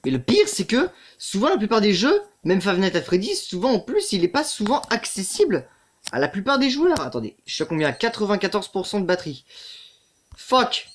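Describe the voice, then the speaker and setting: A man commentating his own let's play with a lively, bouncing voice that jumps between low mutters and high yelps. He swears freely and talks straight to the on-screen threats, with a faint hiss of noise behind him. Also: normal speed. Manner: swears a lot, mutters to the game, yelps when startled.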